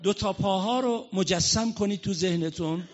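A man with a high voice preaches a mourning sermon in a hall. He tells the story with rising passion and slips into slow, drawn-out chanting. The recording sounds dull and muffled.

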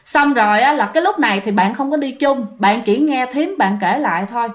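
High, lively Southern Vietnamese woman storyteller. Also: a little fast. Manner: chatty, addresses listeners directly. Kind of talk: casual spoken ghost story retelling.

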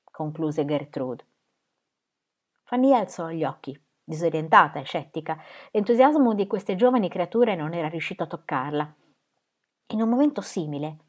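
A woman reading a novel aloud, lifting her voice for the characters' dialogue and dropping it low for the speech tags. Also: darkish tone. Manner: lifts pitch and volume for quoted dialogue, drops low for speech tags. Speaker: reader of a novel.

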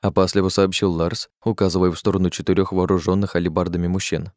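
A man narrating a fantasy audiobook in an even, measured storytelling manner. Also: low-pitched, no room sound, studio quality.

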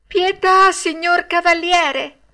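A woman voicing a brave wooden puppet boy in a storybook reading, pleading in a high tearful voice. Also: fairly even intonation, slow, sharp tone, exaggerated voice.

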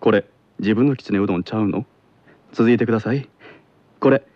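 A man playing a calm teenage boy who teaches Kansai dialect in a radio skit, speaking with a Kansai accent in a patient, measured way. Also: fairly low pitch, no room sound, dull audio, natural voice. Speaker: lesson host in a radio skit.

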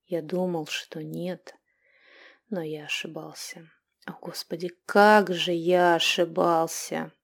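A woman voicing a grieving, brooding male werewolf who talks in a hushed voice, often slow and whispered. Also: lowish voice, little pitch movement, breathy edge, exaggerated voice.

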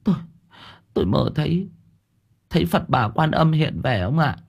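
A man's voice: fairly low pitch, very animated, moderate pace, vocal fry, dull audio. A man voicing a frightened older village wife who stammers and trembles as she speaks in an audio story. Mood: terrified stammering.

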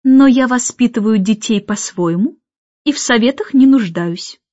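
A woman reading an audiobook, voicing a calm, composed nanny who speaks with cool, quiet politeness. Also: normal speed, dry recording, muffled recording. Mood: icy. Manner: coolly polite, lower and quiet.

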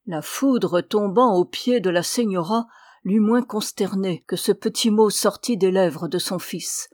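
A woman's voice: medium pitch, unhurried, a little mellow, no room sound. Woman narrating a literary audiobook.

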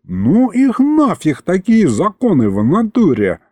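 A man's voice: sits high, huge pitch swings, unhurried, darkish tone, no echo, clean studio sound, pitched above the performer's own voice, full character voice. A man voicing a panicky little imp who wails in street slang in a storybook reading. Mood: panicky wailing. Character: panicky small male imp sidekick, slangy and loud.

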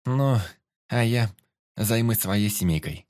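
A man's voice: lowish voice, animated, slow pace, a little mellow. A feisty young woman speaks with wry exasperation, as a male audiobook reader plays her. The voice stays close to his own, with a smirking edge.

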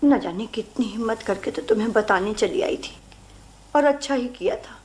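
A woman playing a gossipy neighbor who tells ghost stories in hushed, conspiratorial tones. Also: on the high side, moderate pace, natural voice. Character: gossipy middle-aged neighbor, ominous storyteller. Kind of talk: vintage radio drama acting.

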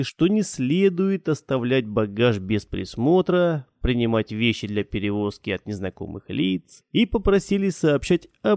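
A man reading a first-person audiobook in a measured, matter-of-fact way. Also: mid-range voice, warm tone, dry recording, studio quality. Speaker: audiobook narrator.

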